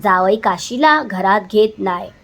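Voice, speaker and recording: A woman's voice: mid-range voice, animated, a little slow, creaky, a bit bright, full character voice. A woman voicing a frightened, humble village father pleading for his daughter in a told folk story.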